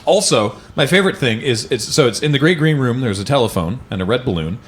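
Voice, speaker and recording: Over background music, a male host reads children's books aloud and talks about them in a relaxed way. He speaks fast in an expressive, mid-range voice, with slight background noise.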